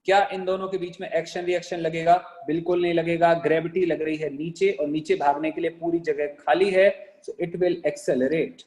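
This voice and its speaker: A man with a fairly high voice teaches a physics class. He keeps asking questions and answering them himself. He slows right down to dictate sentences for notes. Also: fairly even intonation, a little mellow. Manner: mixes Hindi and English. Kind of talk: classroom lecture.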